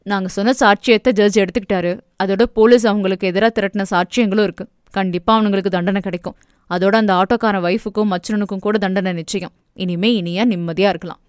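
A woman voicing an angry, grieving adult husband, with a lowered, gruff voice that often shouts. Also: steady tone, fast, no room sound, studio quality, natural voice. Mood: reassuring.

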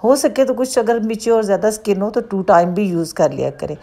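A woman's voice: medium pitch, brisk, dark tone. A woman with a Pakistani Urdu accent, a makeup artist who talks through each step of a bridal look in a chatty tutorial voice-over. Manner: chatty, explains each step as she goes.

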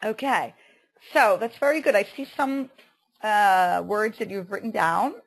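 A woman teaching an online English lesson, saying vocabulary slowly and carefully and saying "okay" often. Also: mid-range voice, husky. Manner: slow, careful pronunciation drills with many "okay"s.

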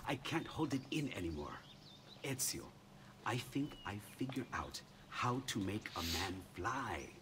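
An actor with an Italian accent playing an eager, inventive Italian man who talks with animated enthusiasm. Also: fairly low pitch, measured pace. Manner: animated, breathless enthusiasm, rising to cries of alarm. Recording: game audio under noise.

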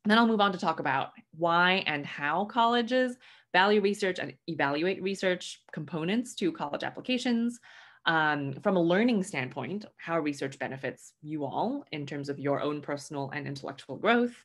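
Low-voiced young woman giving a webinar. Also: lively intonation, normal speed, a bit bright. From Hong Kong. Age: young adult. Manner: friendly, many "um" fillers. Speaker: webinar presenter. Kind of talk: online webinar lecture. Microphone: webcam mic at home, video call.

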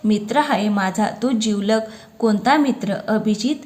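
A woman's voice: mid-range voice, unhurried, a little mellow, lightly acted. A woman voicing a mischievous, joking young husband in a read-aloud romantic story. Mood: reassuring. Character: teasing playful young husband.

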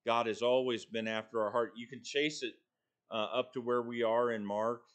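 A middle-aged man preaching a sermon from a church pulpit, earnest and deliberate, pausing between phrases. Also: medium pitch, flat delivery. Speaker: pastor.

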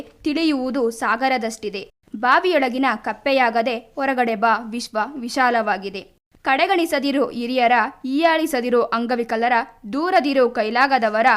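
A woman's voice: fairly high pitch, a bit bright. A girl as a schoolgirl reciting a poem.

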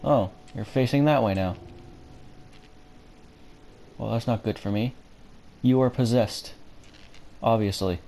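A man's voice: mid-range voice, slow pace, long pauses, dark tone. A man with a dry throat streaming a horror game, uneasily muttering and swearing at the characters as he comments casually. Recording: faint background game ambience noise.

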